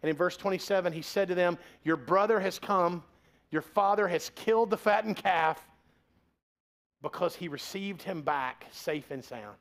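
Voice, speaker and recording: High-voiced joking male pastor. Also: moderate pace. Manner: conversational, joking preaching. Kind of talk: sermon.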